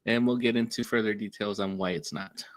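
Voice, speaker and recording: A man's voice: fairly low pitch, steady tone, fairly quick. A man talking casually as a guest, rambling with many "like"s and "um"s. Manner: rambling, lots of fillers like "like". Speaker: podcast guest. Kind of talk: casual chat.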